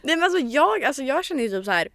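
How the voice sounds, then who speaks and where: A woman's voice: high voice, sing-song, a bit bright, no echo, clean studio sound. A young woman from Linköping co-hosting a podcast in casual chat, with a Stockholm Swedish accent and traces of Östergötland. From Linköping, Sweden. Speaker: podcast co-host.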